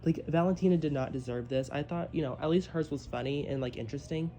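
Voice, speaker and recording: A man's voice: on the high side, quick pace, background noise. A man hosting a podcast in casual chat, snarky and teasing toward his guest. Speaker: podcast host.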